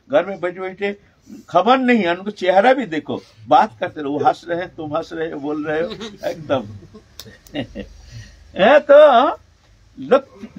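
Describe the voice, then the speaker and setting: Older male spiritual teacher, devotional storytelling discourse, raspy and slightly high-pitched, emphatic. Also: dull audio. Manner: emphatic, drawn-out phrases, frequent "hain" tags.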